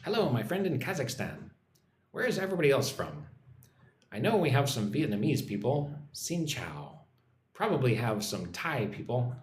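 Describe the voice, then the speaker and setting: Chatting live with viewers of his English-teaching stream, this American man reads comments aloud, answers them, and says hello in a relaxed, informal manner. He speaks at a moderate pace in a medium pitch that swings widely. Faint noise and a roomy echo are audible.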